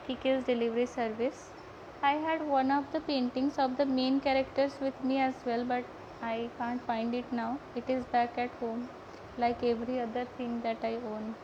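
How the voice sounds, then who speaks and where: A young adult woman from Odisha, India, whose first language is Odia, speaks in a high voice, hesitating, stumbling and repeating words. She hosts art live streams and teaches painting, here giving a casual live painting tutorial while chatting. The lo-fi audio sounds dull and carries heavy background noise.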